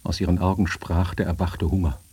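A man narrating a literary story in a measured, even storytelling manner. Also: low voice, slightly rough, dry recording.

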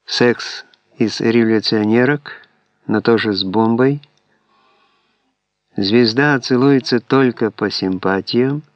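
A man calmly reading an audiobook in a measured, scripted narration. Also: medium pitch, no room sound. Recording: dull, dry lo-fi MP3 audiobook recording.

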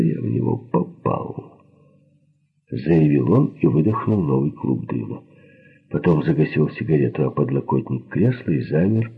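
A man narrating an audiobook thriller with a husky, gravelly voice. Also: a bass voice. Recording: narrow phone-like sound.

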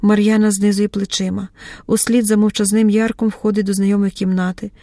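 A woman narrating a novel in measured literary style, at times dropping to a whisper. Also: mid-range voice, flat delivery, warm tone, dry recording, clean studio sound. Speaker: audiobook narrator.

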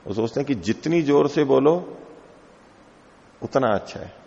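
A man's voice: medium pitch, expressive, a little slow, gravelly, dark tone. A middle-aged man teaching a classical text, explaining each term patiently and going over it again. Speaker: teacher of philosophy. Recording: lo-fi hall recording with long reverb.

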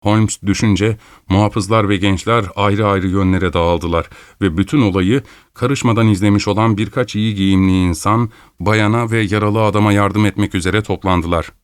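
Low-voiced male audiobook narrator. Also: steady tone, normal speed, few pauses, smooth, no room sound, studio quality. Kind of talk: scripted narration.

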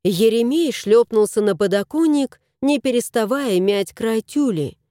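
A woman narrating a children's story in a measured, expressive reading. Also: a little high, no room sound, clean studio sound.

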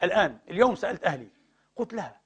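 Brief: male preacher, high voice, rapid-fire delivery, stresses points by repeating them. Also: sing-song, breathy edge. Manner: emphatic, rhetorical questions, repeats words for stress. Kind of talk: sermon lecture to a congregation.

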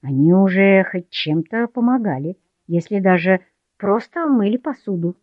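A woman's voice: mid-range voice, expressive, normal speed, no room sound, lo-fi sound, natural voice. A woman reading the part of a tired, irritated young husband who speaks coldly and curtly. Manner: cold, curt.

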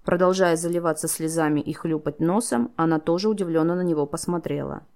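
A woman narrates an audiobook in a steady storytelling manner. Her voice is low with a gravelly fry, and she reads the characters' lines herself. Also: brisk. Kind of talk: scripted narration.

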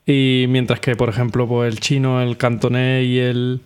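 A man co-hosting a casual radio talk, making calm, measured comparisons. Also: medium pitch, smooth.

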